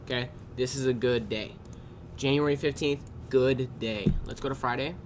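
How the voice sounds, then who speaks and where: A man casually reviewing his trading day, tired and yawning, talking in a loose, unhurried way with drawn-out pauses and the odd swear word. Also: medium pitch, steady tone, background noise. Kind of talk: casual screen-recorded trade review. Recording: clear keyboard typing in background.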